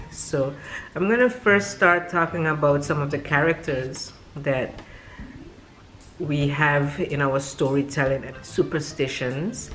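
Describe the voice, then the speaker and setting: Brief: young West Indian woman, very low voice, unhurried storytelling vlog, faint music behind. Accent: West Indian Caribbean. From West Indies. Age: young adult. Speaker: vlogger. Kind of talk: casual storytelling to camera.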